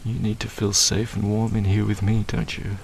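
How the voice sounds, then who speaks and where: A man speaking softly in a comforting audio roleplay, soothing and murmuring, with frequent sighs and hums. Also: lowish voice, monotone, normal speed, creaky, slight background noise.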